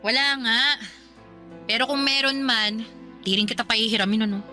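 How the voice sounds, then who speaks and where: An actress playing an exasperated older sister in a Filipino radio drama, blunt and scolding with a caring streak. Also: female voice, on the high side, normal speed, bright, forceful tone. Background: music bed.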